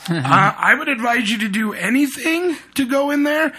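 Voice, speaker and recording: A guest who works as a scare actor at a haunted attraction tells stories from the job in casual conversation. He is an animated storyteller who acts out the people he quotes, speaking at a moderate pace in a very high voice. The recording carries a slight hiss or hum.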